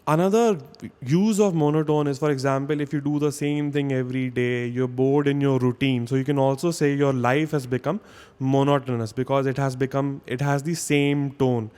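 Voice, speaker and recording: A man's voice: medium pitch, fairly even intonation, normal speed, a little mellow, clear, resonant tone. A man teaching a vocabulary lesson in a casual spoken style, explaining step by step and often checking in with "okay?". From India.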